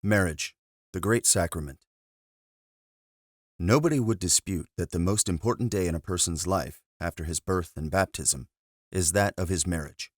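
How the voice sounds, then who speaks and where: Man, very deep voice, dry close sound, monk, measured earnest reading. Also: no room sound. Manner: measured, earnest reading with a quiet, offhand intro. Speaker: monk reading a spiritual text aloud. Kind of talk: casual spoken intro, then reading a spiritual book aloud.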